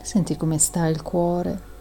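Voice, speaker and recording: A woman leading a guided breathing meditation in a soft, soothing and calming manner, with long audible exhales. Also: fairly low pitch, takes it slowly, faint music behind.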